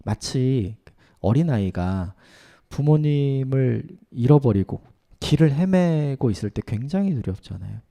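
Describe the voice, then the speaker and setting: A man's voice: mid-range voice, expressive, a little slow, gravelly. A man preaching a dawn sermon as a pastor, reflective and now and then acting out the lines of the people in the passage. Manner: reflective, acts out quoted lines in softer voice. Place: church at dawn service.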